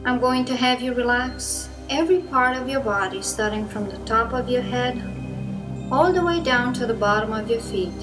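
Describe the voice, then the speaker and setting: Slow soothing woman over new-age music. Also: fairly high pitch. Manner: soft, slow, soothing instructions. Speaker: hypnotist. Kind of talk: slow guided hypnosis induction. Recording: music bed behind the voice.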